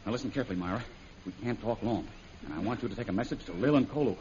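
An actor playing a commanding jungle adventurer in hiding, urgent, in 1940s radio serial style. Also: male voice, fairly low pitch, rapid-fire, darkish tone, lightly acted. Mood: resolute. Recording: muffled, noisy old radio recording.

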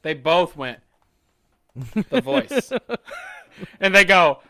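His voice sits high, very slow and creaky: a Southern-accented podcast co-host telling casual, profanity-filled stories. He animates them by acting out the quotes.

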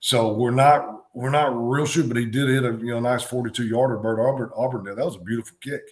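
A middle-aged man, a former football coach, co-hosting a sports talk show, talking in a halting way with many ums and restarts. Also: medium pitch, steady tone.

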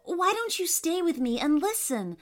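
A woman's voice: extremely high pitch, big pitch swings, moderate pace, voice pushed up. A woman voicing a cheerful, dreamy little girl who earnestly insists on what she believes.

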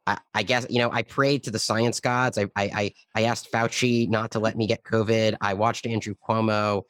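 A reporter co-hosting a talk podcast speaks in a sardonic, casual way, his lowish, slightly bright voice carrying a mildly scratchy throat. His delivery is flat and moderately paced, and he repeats words when starting to speak. The recording is dry.

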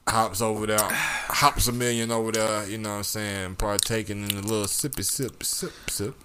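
A man with a lowish voice holds court on a casual podcast. He talks in a laid-back, slangy way and keeps circling back to the same phrases. A faint hiss sits under the recording. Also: steady tone, normal speed. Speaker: podcast co-host.

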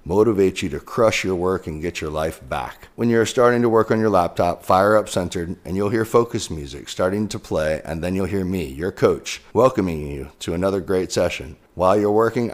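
A man who works as a coach, delivering an upbeat, emphatic promotional read. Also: low-pitched.

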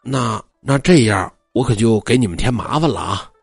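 A man playing a timid, courteous young scholar who cuts firewood, in a husky voice. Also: medium pitch, animated, normal speed, no echo, clean studio sound. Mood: nervous. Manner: nervous, bookish, courteous. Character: timid polite young male scholar woodcutter.

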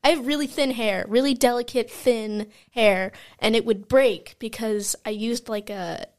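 A young woman with a slightly high voice co-hosts a casual podcast. She rambles through her stories and giggles often, keeping things light and chatty. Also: fairly even intonation, a little slow, a little mellow. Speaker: podcast co-host. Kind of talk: casual chat.

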